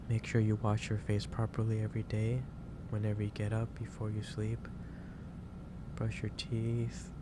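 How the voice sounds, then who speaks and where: In an improvised ASMR roleplay addressed to the listener, a man plays a gentle, concerned office boss lecturing an overworked employee, speaking haltingly and repeating his phrases. His voice is on the low side and close to an everyday voice, with a noisy background.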